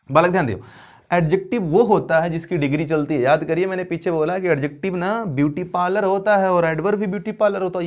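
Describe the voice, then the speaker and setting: A man teaching an English grammar lesson in a playful, jokey way. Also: high-pitched. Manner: playful, jokey, addresses viewers as kids. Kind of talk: classroom lesson.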